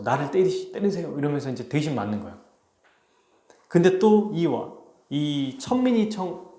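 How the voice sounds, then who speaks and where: A man pastor preaching a sermon, telling a story with animated delivery and acting out its characters. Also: medium pitch. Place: church. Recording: echoey church hall.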